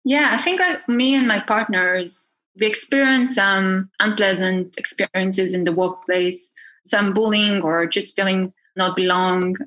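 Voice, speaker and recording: A woman's voice: medium pitch, a little slow, a bit bright. A woman, a startup founder answering interview questions in an earnest way, often restarting her sentences. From Israel. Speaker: startup founder and CEO, podcast guest.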